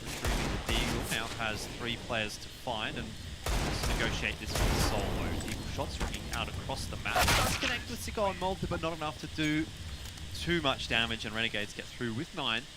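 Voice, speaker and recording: A man's voice: medium pitch, a little fast. A man giving live play-by-play commentary on a video game match. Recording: clear gunfire and game noise behind.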